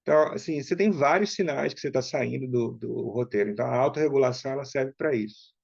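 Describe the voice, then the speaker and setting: A man teaching an online workshop in a casual, conversational way, often checking in with quick tag questions. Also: medium pitch, gravelly, a little mellow, no room sound. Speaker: workshop instructor. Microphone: online call mic. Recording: dull, dry lo-fi sound.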